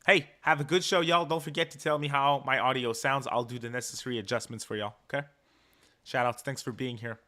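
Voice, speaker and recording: A man hosts a livestream in a laid-back, informal, slangy manner, chatting casually, reacting, and reading viewer comments as music plays behind him. His mid-range voice is fairly even in intonation, a little fast, pushed and bright.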